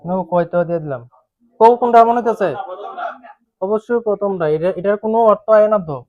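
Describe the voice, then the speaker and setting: A man with a high, light voice, teaching a grammar lesson in a questioning, repetitive way. The recording sounds dull and dry, with little room sound. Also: fast, dry recording. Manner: questioning, repetitive, coaxing students.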